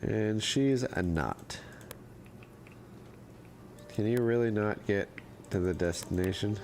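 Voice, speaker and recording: A man giving casual commentary while playing a fantasy role-playing game, thinking aloud in a relaxed, offhand way. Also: fairly low pitch, slow, soft background music.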